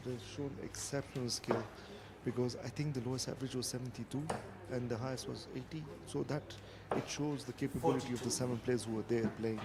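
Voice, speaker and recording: A man's voice: mid-range voice, fairly even intonation, fast talker, few pauses. A man giving live darts commentary as one of a pair of commentators. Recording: clearly noisy live event sound.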